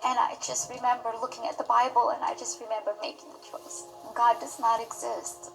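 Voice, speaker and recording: A woman giving an earnest, halting, emotional personal testimony in an interview. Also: a little high, little pitch movement, creaky, a bit bright, soft background music, poor audio. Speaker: testimony guest.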